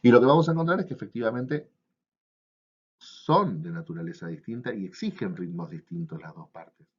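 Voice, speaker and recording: Low husky man lecturing on a video call. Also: lively intonation, normal speed. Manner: frequent fillers and checking questions; taps out rhythms with syllables. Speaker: university lecturer. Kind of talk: virtual seminar lecture. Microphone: computer microphone on video call. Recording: dull lo-fi online class audio.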